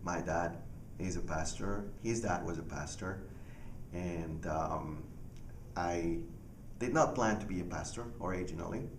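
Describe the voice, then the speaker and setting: Deep-voiced pastor, echoey room. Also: male voice. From Panama. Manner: earnest, halting, with many restarts and fillers. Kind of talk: personal ministry testimony. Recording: echoey room, far from mic, audible noise.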